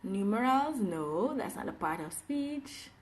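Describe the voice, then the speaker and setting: A woman's voice: medium pitch, very animated, unhurried. A woman from Jamaica teaching English on a live phone stream, cheerfully greeting viewers and repeating her welcomes.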